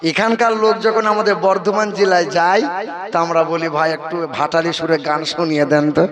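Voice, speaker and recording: A high-pitched man with a Bardhaman Bengali accent delivers a waz sermon, sliding between spoken teasing of his listeners and sung, chanted lines. A crowd can be heard around him at the gathering. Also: flat delivery, moderate pace. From Bardhaman district, West Bengal, India. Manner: sings phrases, jokes with the audience, calls listeners "bap". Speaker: preacher. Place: religious gathering in Murshidabad.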